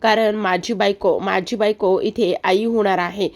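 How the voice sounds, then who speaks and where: A woman's voice: mid-range voice, fairly even intonation, a little slow, close to an everyday voice. Brief: overjoyed young husband, read by a woman; exclaiming, festive. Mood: jubilant. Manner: exuberant, exclaiming. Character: jubilant young husband celebrating.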